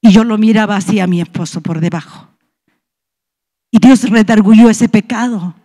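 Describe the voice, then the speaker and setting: A woman's voice: mid-range voice, moderate pace, warm tone. A woman with a Peruvian Spanish accent, a pastor's wife, giving an impassioned testimony in church. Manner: impassioned, storytelling with rising emotion.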